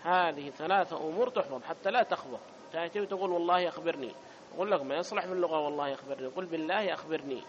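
Very fast and a little high, a man teaches Arabic grammar in class, restating each point and checking that his listeners understand. There's dull audio and a little hiss or hum.

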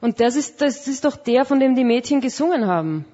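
A woman's voice: high voice, lively intonation, a little fast, dark tone, lo-fi sound. A woman interpreting a sermon phrase by phrase, plainly and sometimes searching for words.

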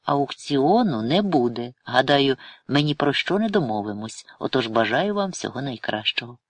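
A male reader voicing a calm, firm male artist who refuses flatly in an audiobook. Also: mid-range voice, moderate pace, lightly acted. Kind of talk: audiobook character voice.

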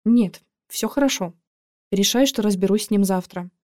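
A woman narrating a first-person audiobook in a lively, expressive way. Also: mid-range voice, normal speed, dry recording, studio quality.

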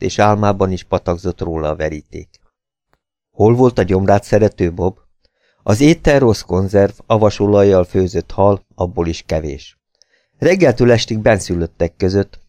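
Low-voiced man reading an audiobook. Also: warm tone, dry recording, clean studio sound. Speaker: audiobook reader. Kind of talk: audiobook narration.

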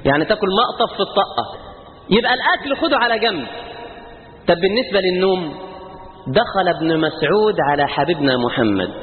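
A man with an Egyptian Arabic accent preaching a sermon, fervent and emphatic, rising to loud peaks. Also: on the high side. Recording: tinny phone-like sound, long hall reverb, faint noise.

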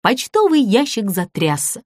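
A woman narrating a children's audiobook in a measured, expressive storytelling manner. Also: a little high, dry recording, studio quality.

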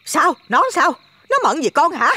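A man's voice: very high-pitched, animated, moderate pace, sharp tone, voice pushed up, heavily acted. A man voicing an alarmed, motherly older countrywoman.

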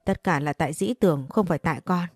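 A desperate young wife who pleads and argues, read by a woman in her own lowish voice. The sound is dry and close, with faint music behind. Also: fast talker, breathy edge, no room sound. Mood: defiant.

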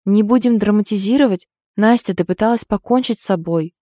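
An anxious, protective young friend, as a woman reads her in an audiobook, full of worried, hurried pleading. The tone stays warm and mellow. The sound is dry and close, with no room around it. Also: mid-range voice, no echo, close to an everyday voice. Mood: alarmed.

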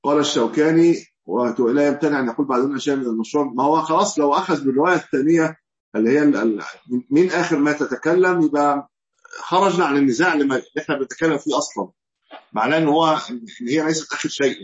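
A man's voice: on the high side, racing, highs cut off. A man with an Egyptian Arabic accent giving a religious lesson, reasoning aloud and posing questions that he then answers himself. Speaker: Islamic scholar teaching hadith.

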